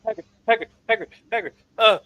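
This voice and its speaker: A man plays a tabletop game, improvising lines in character. His voice is high and bright, with a forceful edge. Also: fast, dry recording.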